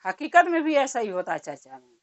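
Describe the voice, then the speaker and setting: A woman's voice: high-pitched, big pitch swings, brisk, dry recording. A woman storyteller narrating a devotional folk story in a conversational, folksy way.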